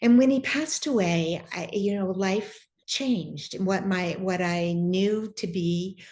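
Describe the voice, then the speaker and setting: A woman sharing a personal spiritual awakening story, reflective and halting, with frequent restarts. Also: medium pitch, a little mellow. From Irish heritage. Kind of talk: personal testimony.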